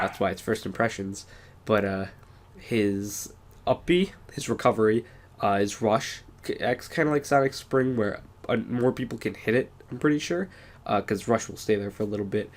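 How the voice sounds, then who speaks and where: A man with a sick voice giving casual first impressions of a video game, halting with many fillers. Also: fairly low pitch, slight background noise. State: sick, congested voice. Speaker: gaming channel host.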